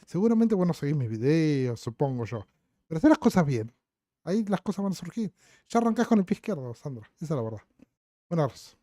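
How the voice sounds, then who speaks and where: This Argentine man, with the accent of La Plata, fields viewers' questions frankly on a laid-back livestream, slipping Portuguese words into his speech. His voice is fairly high-pitched but dark in tone, captured in a dry, studio-quality recording.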